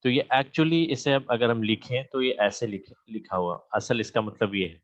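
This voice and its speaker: The speaker, a man with a mid-range voice, runs an online Arabic grammar class with a shared screen, patiently going over terms again and checking in with students. He is recorded on a computer mic during a video call, and the audio is muffled but free of echo.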